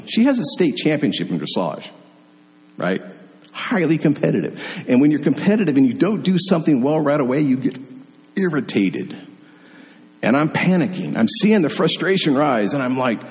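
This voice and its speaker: A middle-aged man preaching a sermon, telling a personal story in an animated, conversational way. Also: medium pitch. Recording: long hall reverb.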